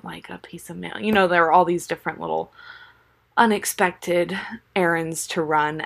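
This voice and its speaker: A young mother chats through a story in a lowish voice, full of "like" and "um". She laughs often as she talks. The delivery is relaxed and unscripted, like a casual podcast monologue. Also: vocal fry. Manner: chatty, laughs often, filler "like" and "um".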